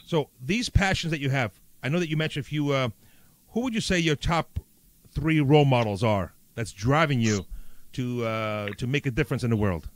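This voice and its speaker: A man from Italy with a New York accent hosting an interview, enthusiastic and halting, with many fillers. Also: mid-range voice. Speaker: podcast host. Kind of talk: interview conversation.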